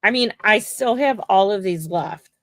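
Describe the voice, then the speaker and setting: A woman's voice: medium pitch, animated, normal speed, fairly bright tone, no room sound, clean studio sound. A woman mosaic artist hosting a livestream, chatting casually and rambling to viewers while she works. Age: adult. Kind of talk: casual chat while crafting.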